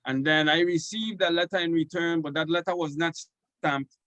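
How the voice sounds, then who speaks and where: A man's voice: fairly high pitch, normal speed, fairly bright tone, dry recording, muffled recording. A man speaks in Rasta style. His phrasing is devotional and respectful, and the sound is close and dry. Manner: devotional Rasta phrasing, addressing listener as "my lord". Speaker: interview guest. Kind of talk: conversational storytelling and letter reading in Rastafarian speech.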